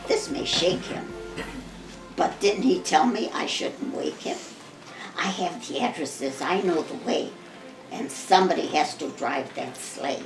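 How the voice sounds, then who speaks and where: A woman voicing Mrs. Claus, a calm, resolute older woman, musing softly half to herself, heard in an echoey room from far off with music behind. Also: sits low, a little slow. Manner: soft, half-whispered musing.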